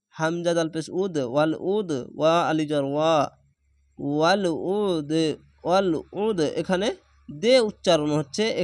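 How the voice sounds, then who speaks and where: A man's voice: fairly high pitch, no echo. A man from Bangladesh teaching Quran reading, spelling each word letter by letter and syllable by syllable, then reciting the whole word. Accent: Bangladeshi Bengali. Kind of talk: slow spelling-out recitation lesson.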